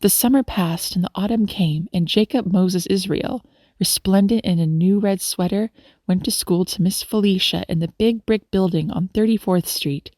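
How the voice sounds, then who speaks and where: A woman narrating a classic story as an audiobook, reading gently and giving the characters their own voices. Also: mid-range voice, moderate pace, no echo, clean studio sound.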